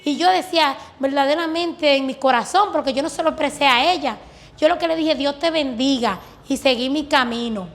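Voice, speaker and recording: A woman's high-pitched, fairly bright voice moves briskly as she shares her testimony as a guest. Full of conviction, she earnestly describes praying and receiving answers.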